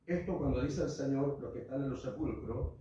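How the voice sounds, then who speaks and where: A man preaching an impassioned sermon, his voice swinging between fervent cries and hushed asides as he keeps calling out to his congregation. It comes from a distance in a large church hall with heavy echo, and the sound is a little dull. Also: mid-range voice, fairly quick. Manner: addresses the congregation as "hermano" and "iglesia". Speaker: pastor. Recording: echoey hall, voice far from the mic, muffled.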